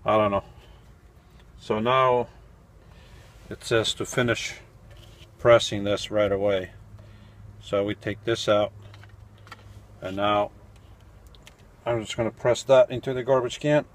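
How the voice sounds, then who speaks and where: A man's voice: fairly low pitch, fairly even intonation, takes it slowly, long pauses. A man in his forties, a van-life vlogger, talking casually to camera while brewing coffee, thinking aloud and correcting himself. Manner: thinking aloud, self-correcting, mildly puzzled. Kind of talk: casual how-to talk while making coffee. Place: small cluttered van interior at night.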